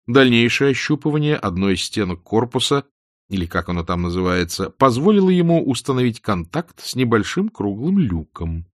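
A man narrating an audiobook in an expressive, varied reading. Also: medium pitch, moderate pace, dry recording, clean studio sound. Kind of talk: scripted narration.

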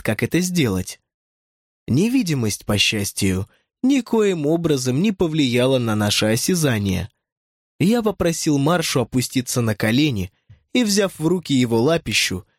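A man narrating a first-person fantasy audiobook in an expressive way, with lively shifts in pitch. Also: no room sound, studio quality.

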